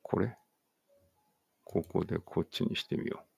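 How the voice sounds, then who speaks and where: A man with a low, gravelly voice reads vocabulary aloud as an English teacher whose first language is Japanese, one word at a time. The sound is dry and close. Between items he slips into easy, chatty asides. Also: steady tone, a little mellow, no room sound. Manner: deliberate word-by-word drill reading with chatty asides. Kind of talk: reading vocabulary aloud with explanations.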